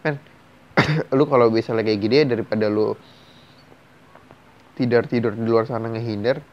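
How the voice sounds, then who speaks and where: A man talks through listeners' problems in loose, slangy chat. His advice is blunt and frank, in a middle-pitched voice. The recording is slightly dull and lo-fi. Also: steady tone, normal speed. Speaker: host reading and answering viewers' stories.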